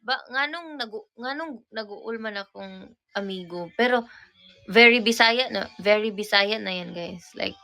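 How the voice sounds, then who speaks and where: A young Cebuano woman from Cebu, Philippines hosts a casual livestream, speaking at a measured pace in a medium-pitched voice that is gravelly, pushed and bright. She patiently explains Bisaya words with a Cebuano accent, often repeating and correcting herself. The sound comes through a phone or camera mic.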